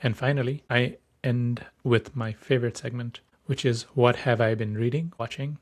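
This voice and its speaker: A man's voice: mid-range voice, steady tone, moderate pace. A young man from Nepal hosting a solo podcast, upbeat and enthusiastic, often restarting words mid-sentence. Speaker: podcast host.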